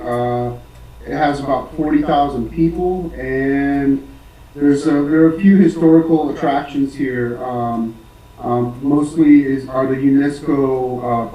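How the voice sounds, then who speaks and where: An American man who teaches English, answering interview questions casually with many pauses, fillers and restarts. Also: mid-range voice, mellow, roomy sound, distant mic, rough recording. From United States.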